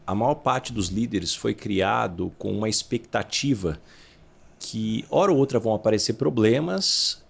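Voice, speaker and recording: A man's voice: medium pitch, vocal fry. A man hosting an interview podcast, speaking frankly and laying out his views in ordered points. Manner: frank, explains in structured points. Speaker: podcast host. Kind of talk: interview conversation.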